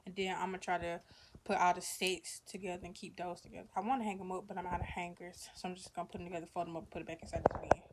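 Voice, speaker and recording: A woman's voice: lowish voice, flat delivery, rapid-fire, noisy background. A young woman chatting casually to her viewers in a home vlog. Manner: chatty, addresses viewers as y'all. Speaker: vlogger. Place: bedroom and car. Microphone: phone camera.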